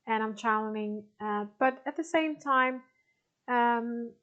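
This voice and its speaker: A woman in her forties with a slightly high voice talks loosely to a group of participants. She often trails off and restarts, laughing softly now and then. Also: slow, clean tone, highs cut off. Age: 40s. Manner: hesitant, many restarts and soft laughs. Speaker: spiritual teacher answering participant questions. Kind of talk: casual talk to an online group.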